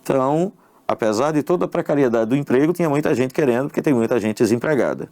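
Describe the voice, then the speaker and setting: A man's voice: medium pitch, animated, fast, darkish tone, no echo. A man teaching an exam-prep English lesson, explaining questions step by step and checking in with the viewer. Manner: explanatory, addresses the viewer directly with tag questions. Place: online video lesson.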